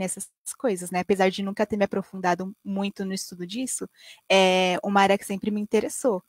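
A woman's voice: medium pitch, no room sound. A woman in her late twenties with a Brazilian accent, answering interview questions in a friendly way over a gaming headset from her bedroom. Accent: Brazilian Portuguese. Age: 20s. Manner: friendly, tags sentences with "né". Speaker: guest streamer.

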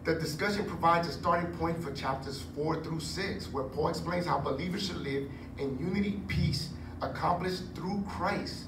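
A man in his forties preaching a sermon on a church stage into a handheld mic, chatty and animated with joking asides. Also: on the high side, moderate pace, hardly any pauses, recorded from a distance. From Puerto Rico heritage. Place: church stage with curtain backdrop. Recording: echoey room, recorded from afar, noisy.

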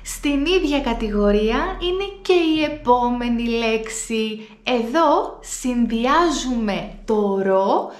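A woman with a Greek accent and a fairly high voice leads a pronunciation lesson, stretching each word out slowly and repeating it for learners to copy. Her voice rings in an echoey room. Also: animated. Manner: slow, deliberate word repetitions for learners. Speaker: Greek language teacher.

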